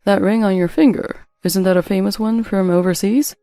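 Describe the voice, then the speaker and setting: A woman voicing a charming but manipulative young man in a narrated story, speaking in a calm, smooth-talking way. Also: mid-range voice, normal speed, no echo, faint music behind, close to an everyday voice. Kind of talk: story narration with voiced quotes.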